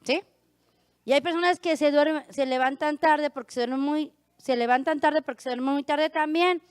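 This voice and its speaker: A woman pastor with a northern Mexican accent preaching a sermon, hoarse and pushing her voice out, often asking her congregation "right?". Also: sits high, moderate pace, no room sound, clean studio sound. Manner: raises her voice to be heard, frequent rhetorical "¿verdad?".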